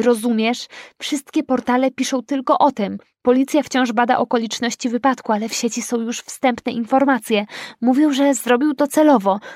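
A woman voicing a shaken young woman who rushes out terrible news without pausing for breath. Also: a little high, darkish tone, no echo, clean studio sound, close to an everyday voice.

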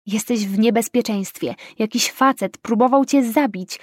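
A woman's voice: a little high, moderate pace, no echo, clean studio sound, natural voice. A woman voicing an alarmed young woman, an insistent and protective best friend, in audiobook dialogue. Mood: urgent. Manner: urgent, insistent.

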